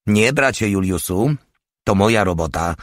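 A man's voice: fairly low pitch, animated, moderate pace, dry recording, studio quality, voice pushed up, close to an everyday voice. A man reading a crude, mocking male soldier with a scornful, sneering manner.

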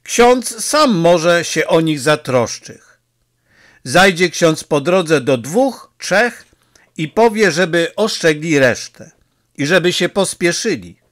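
A man doing a gruff, barking village mayor. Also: on the high side, expressive, slow, a bit bright. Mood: brusque. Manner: barking, impatient. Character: gruff blustering middle-aged male village mayor.

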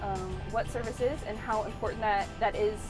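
A woman's voice: mid-range voice, steady tone, brisk, music in the background. A young woman, a pastor, chatting casually with many fillers and restarts, speaking into a lapel mic inside a van. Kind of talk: casual chat.

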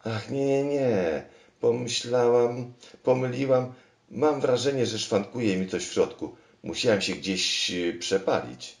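A man's voice: extremely low pitch, expressive, unhurried, pauses often, heavily acted. A man voicing a forgetful, scatterbrained female thinking machine with a fussy, pedantic manner. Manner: pedantic, muddled, absent-minded. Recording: roomy echo.

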